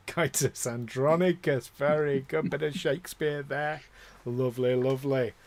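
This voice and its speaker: Chatty host. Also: male voice, mid-range voice, steady tone, measured pace. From northern England. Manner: chatty, laughs often, jokey asides. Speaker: game master and show host. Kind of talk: casual chat before a tabletop game.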